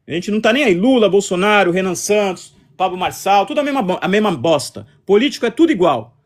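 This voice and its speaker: Casting: high-voiced Brazilian man, rapid-fire, combative live host. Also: expressive. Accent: Brazilian Portuguese. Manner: combative, repetitive, answers chat comments. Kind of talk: casual political live stream chat.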